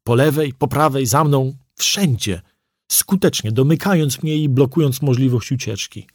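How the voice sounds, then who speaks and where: A man's voice: mid-range voice, moderate pace, dry recording, clean studio sound. A man reading a first-person story aloud as an audiobook narrator, with vivid storytelling delivery.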